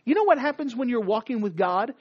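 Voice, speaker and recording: A preacher delivering a sermon in an emphatic, repetitive cadence that swings from loud declarations to hushed near-whispers. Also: medium pitch, sing-song, brisk, dry recording, muffled recording.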